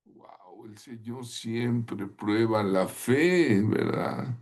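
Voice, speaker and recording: A man's voice: mid-range voice, very slow, a little mellow. A man teaching a Bible lesson in sermon style, retelling the stories vividly and often asking his listeners rhetorical questions.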